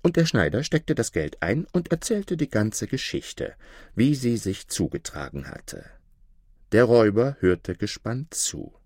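A man reading a fairy tale aloud in an expressive storytelling manner. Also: fairly low pitch, unhurried, dry recording, clean studio sound.

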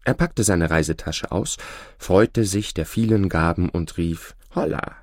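A man reading a fairy tale aloud slowly and expressively. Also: sits low, no echo, clean studio sound. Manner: slow, expressive, shifts voices for characters. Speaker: storyteller.

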